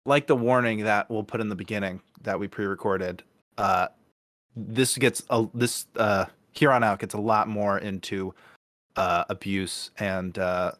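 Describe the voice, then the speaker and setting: A man with a lowish voice co-hosting a podcast, talking loosely and circling back on himself with fillers and restarts. He is recorded close on a dry mic with no room sound. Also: steady tone, a little slow, a bit bright, no echo. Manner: rambling, many restarts and fillers. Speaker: podcast co-host. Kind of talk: casual podcast chat.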